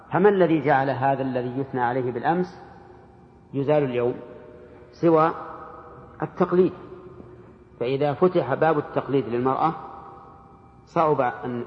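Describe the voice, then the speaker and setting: Man, lecturing teacher, measured, long hall reverb, muffled sound. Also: medium pitch. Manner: measured, explanatory, stops to question the readers. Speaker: teacher explaining hadith and commentary. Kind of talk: classroom lecture.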